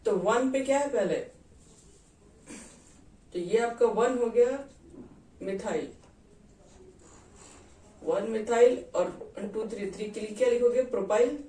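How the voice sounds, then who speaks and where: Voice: medium pitch, slow pace, long pauses, warm tone. A chemistry teacher gives a classroom lecture, quizzing students and counting out carbon atoms one by one. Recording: echoey room, distant mic, faint noise.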